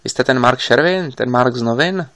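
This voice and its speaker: A man's voice: mid-range voice, fairly bright tone, no echo, close to an everyday voice. A man reading an audiobook, voicing a blunt police captain who swears at the equipment. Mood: irritated.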